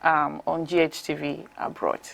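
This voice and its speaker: A woman's voice: low voice, flat delivery, normal speed, gravelly, a bit bright. A woman hosting an interview, welcoming her guest and encouraging her with frequent murmurs. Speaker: host.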